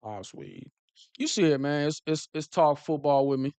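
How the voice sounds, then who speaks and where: Animated man chatting on a live stream. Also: on the high side, normal speed, smooth, no echo. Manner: animated, repeats himself, slangy. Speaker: football streamer host. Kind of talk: casual live-stream chat.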